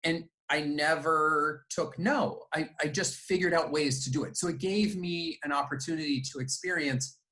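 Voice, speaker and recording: A middle-aged man, born in the United States and raised in Japan, telling his life story in a reflective, measured way as an interview guest. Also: a little high, steady tone, pushed and bright. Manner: reflective, measured, with fillers and restarts. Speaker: guest, company founder and CEO.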